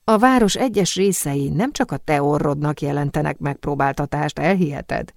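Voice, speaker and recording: Smooth worldly perfume master, calm and sure of himself, woman doing him low and dry. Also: no echo. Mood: assured. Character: suave worldly male perfume master guardian. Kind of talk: audiobook character reading.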